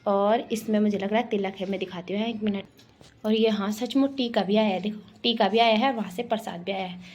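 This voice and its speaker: A young woman from Garhwal, chatting fast and cheerfully to her viewers in a casual home vlog. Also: mid-range voice, steady tone, darkish tone. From Garhwal, Uttarakhand. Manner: fast-talking, chatty, addresses viewers as guys. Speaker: vlogger.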